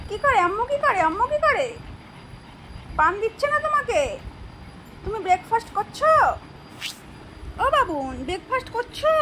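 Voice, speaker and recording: A woman's voice: extremely high pitch, background noise. A woman at home talking baby talk to her pet cat, cooing and repeating words. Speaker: pet owner.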